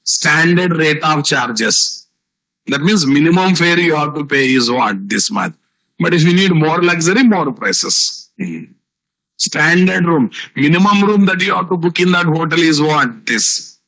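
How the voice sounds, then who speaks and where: A man's voice: on the high side, animated, measured pace, a bit bright, rough recording. A man with a South Indian Telugu accent teaching a live online programming class, repeating key phrases and asking rhetorical questions. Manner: repetitive teaching with rhetorical questions and tag words. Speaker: software instructor.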